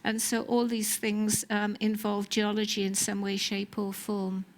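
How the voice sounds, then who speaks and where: A woman with a Welsh accent, a geology professor explaining her work in a TV interview, pausing often with um and uh. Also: mid-range voice, little pitch movement. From Wales. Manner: explanatory, with many um and uh hesitations. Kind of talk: TV studio interview.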